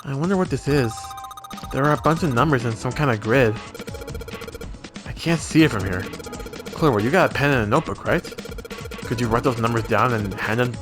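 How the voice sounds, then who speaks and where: A man's voice: mid-range voice, normal speed, pauses often. A man doing a let's play, reading game dialogue and narration aloud and sometimes stumbling over and rereading lines. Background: video game music.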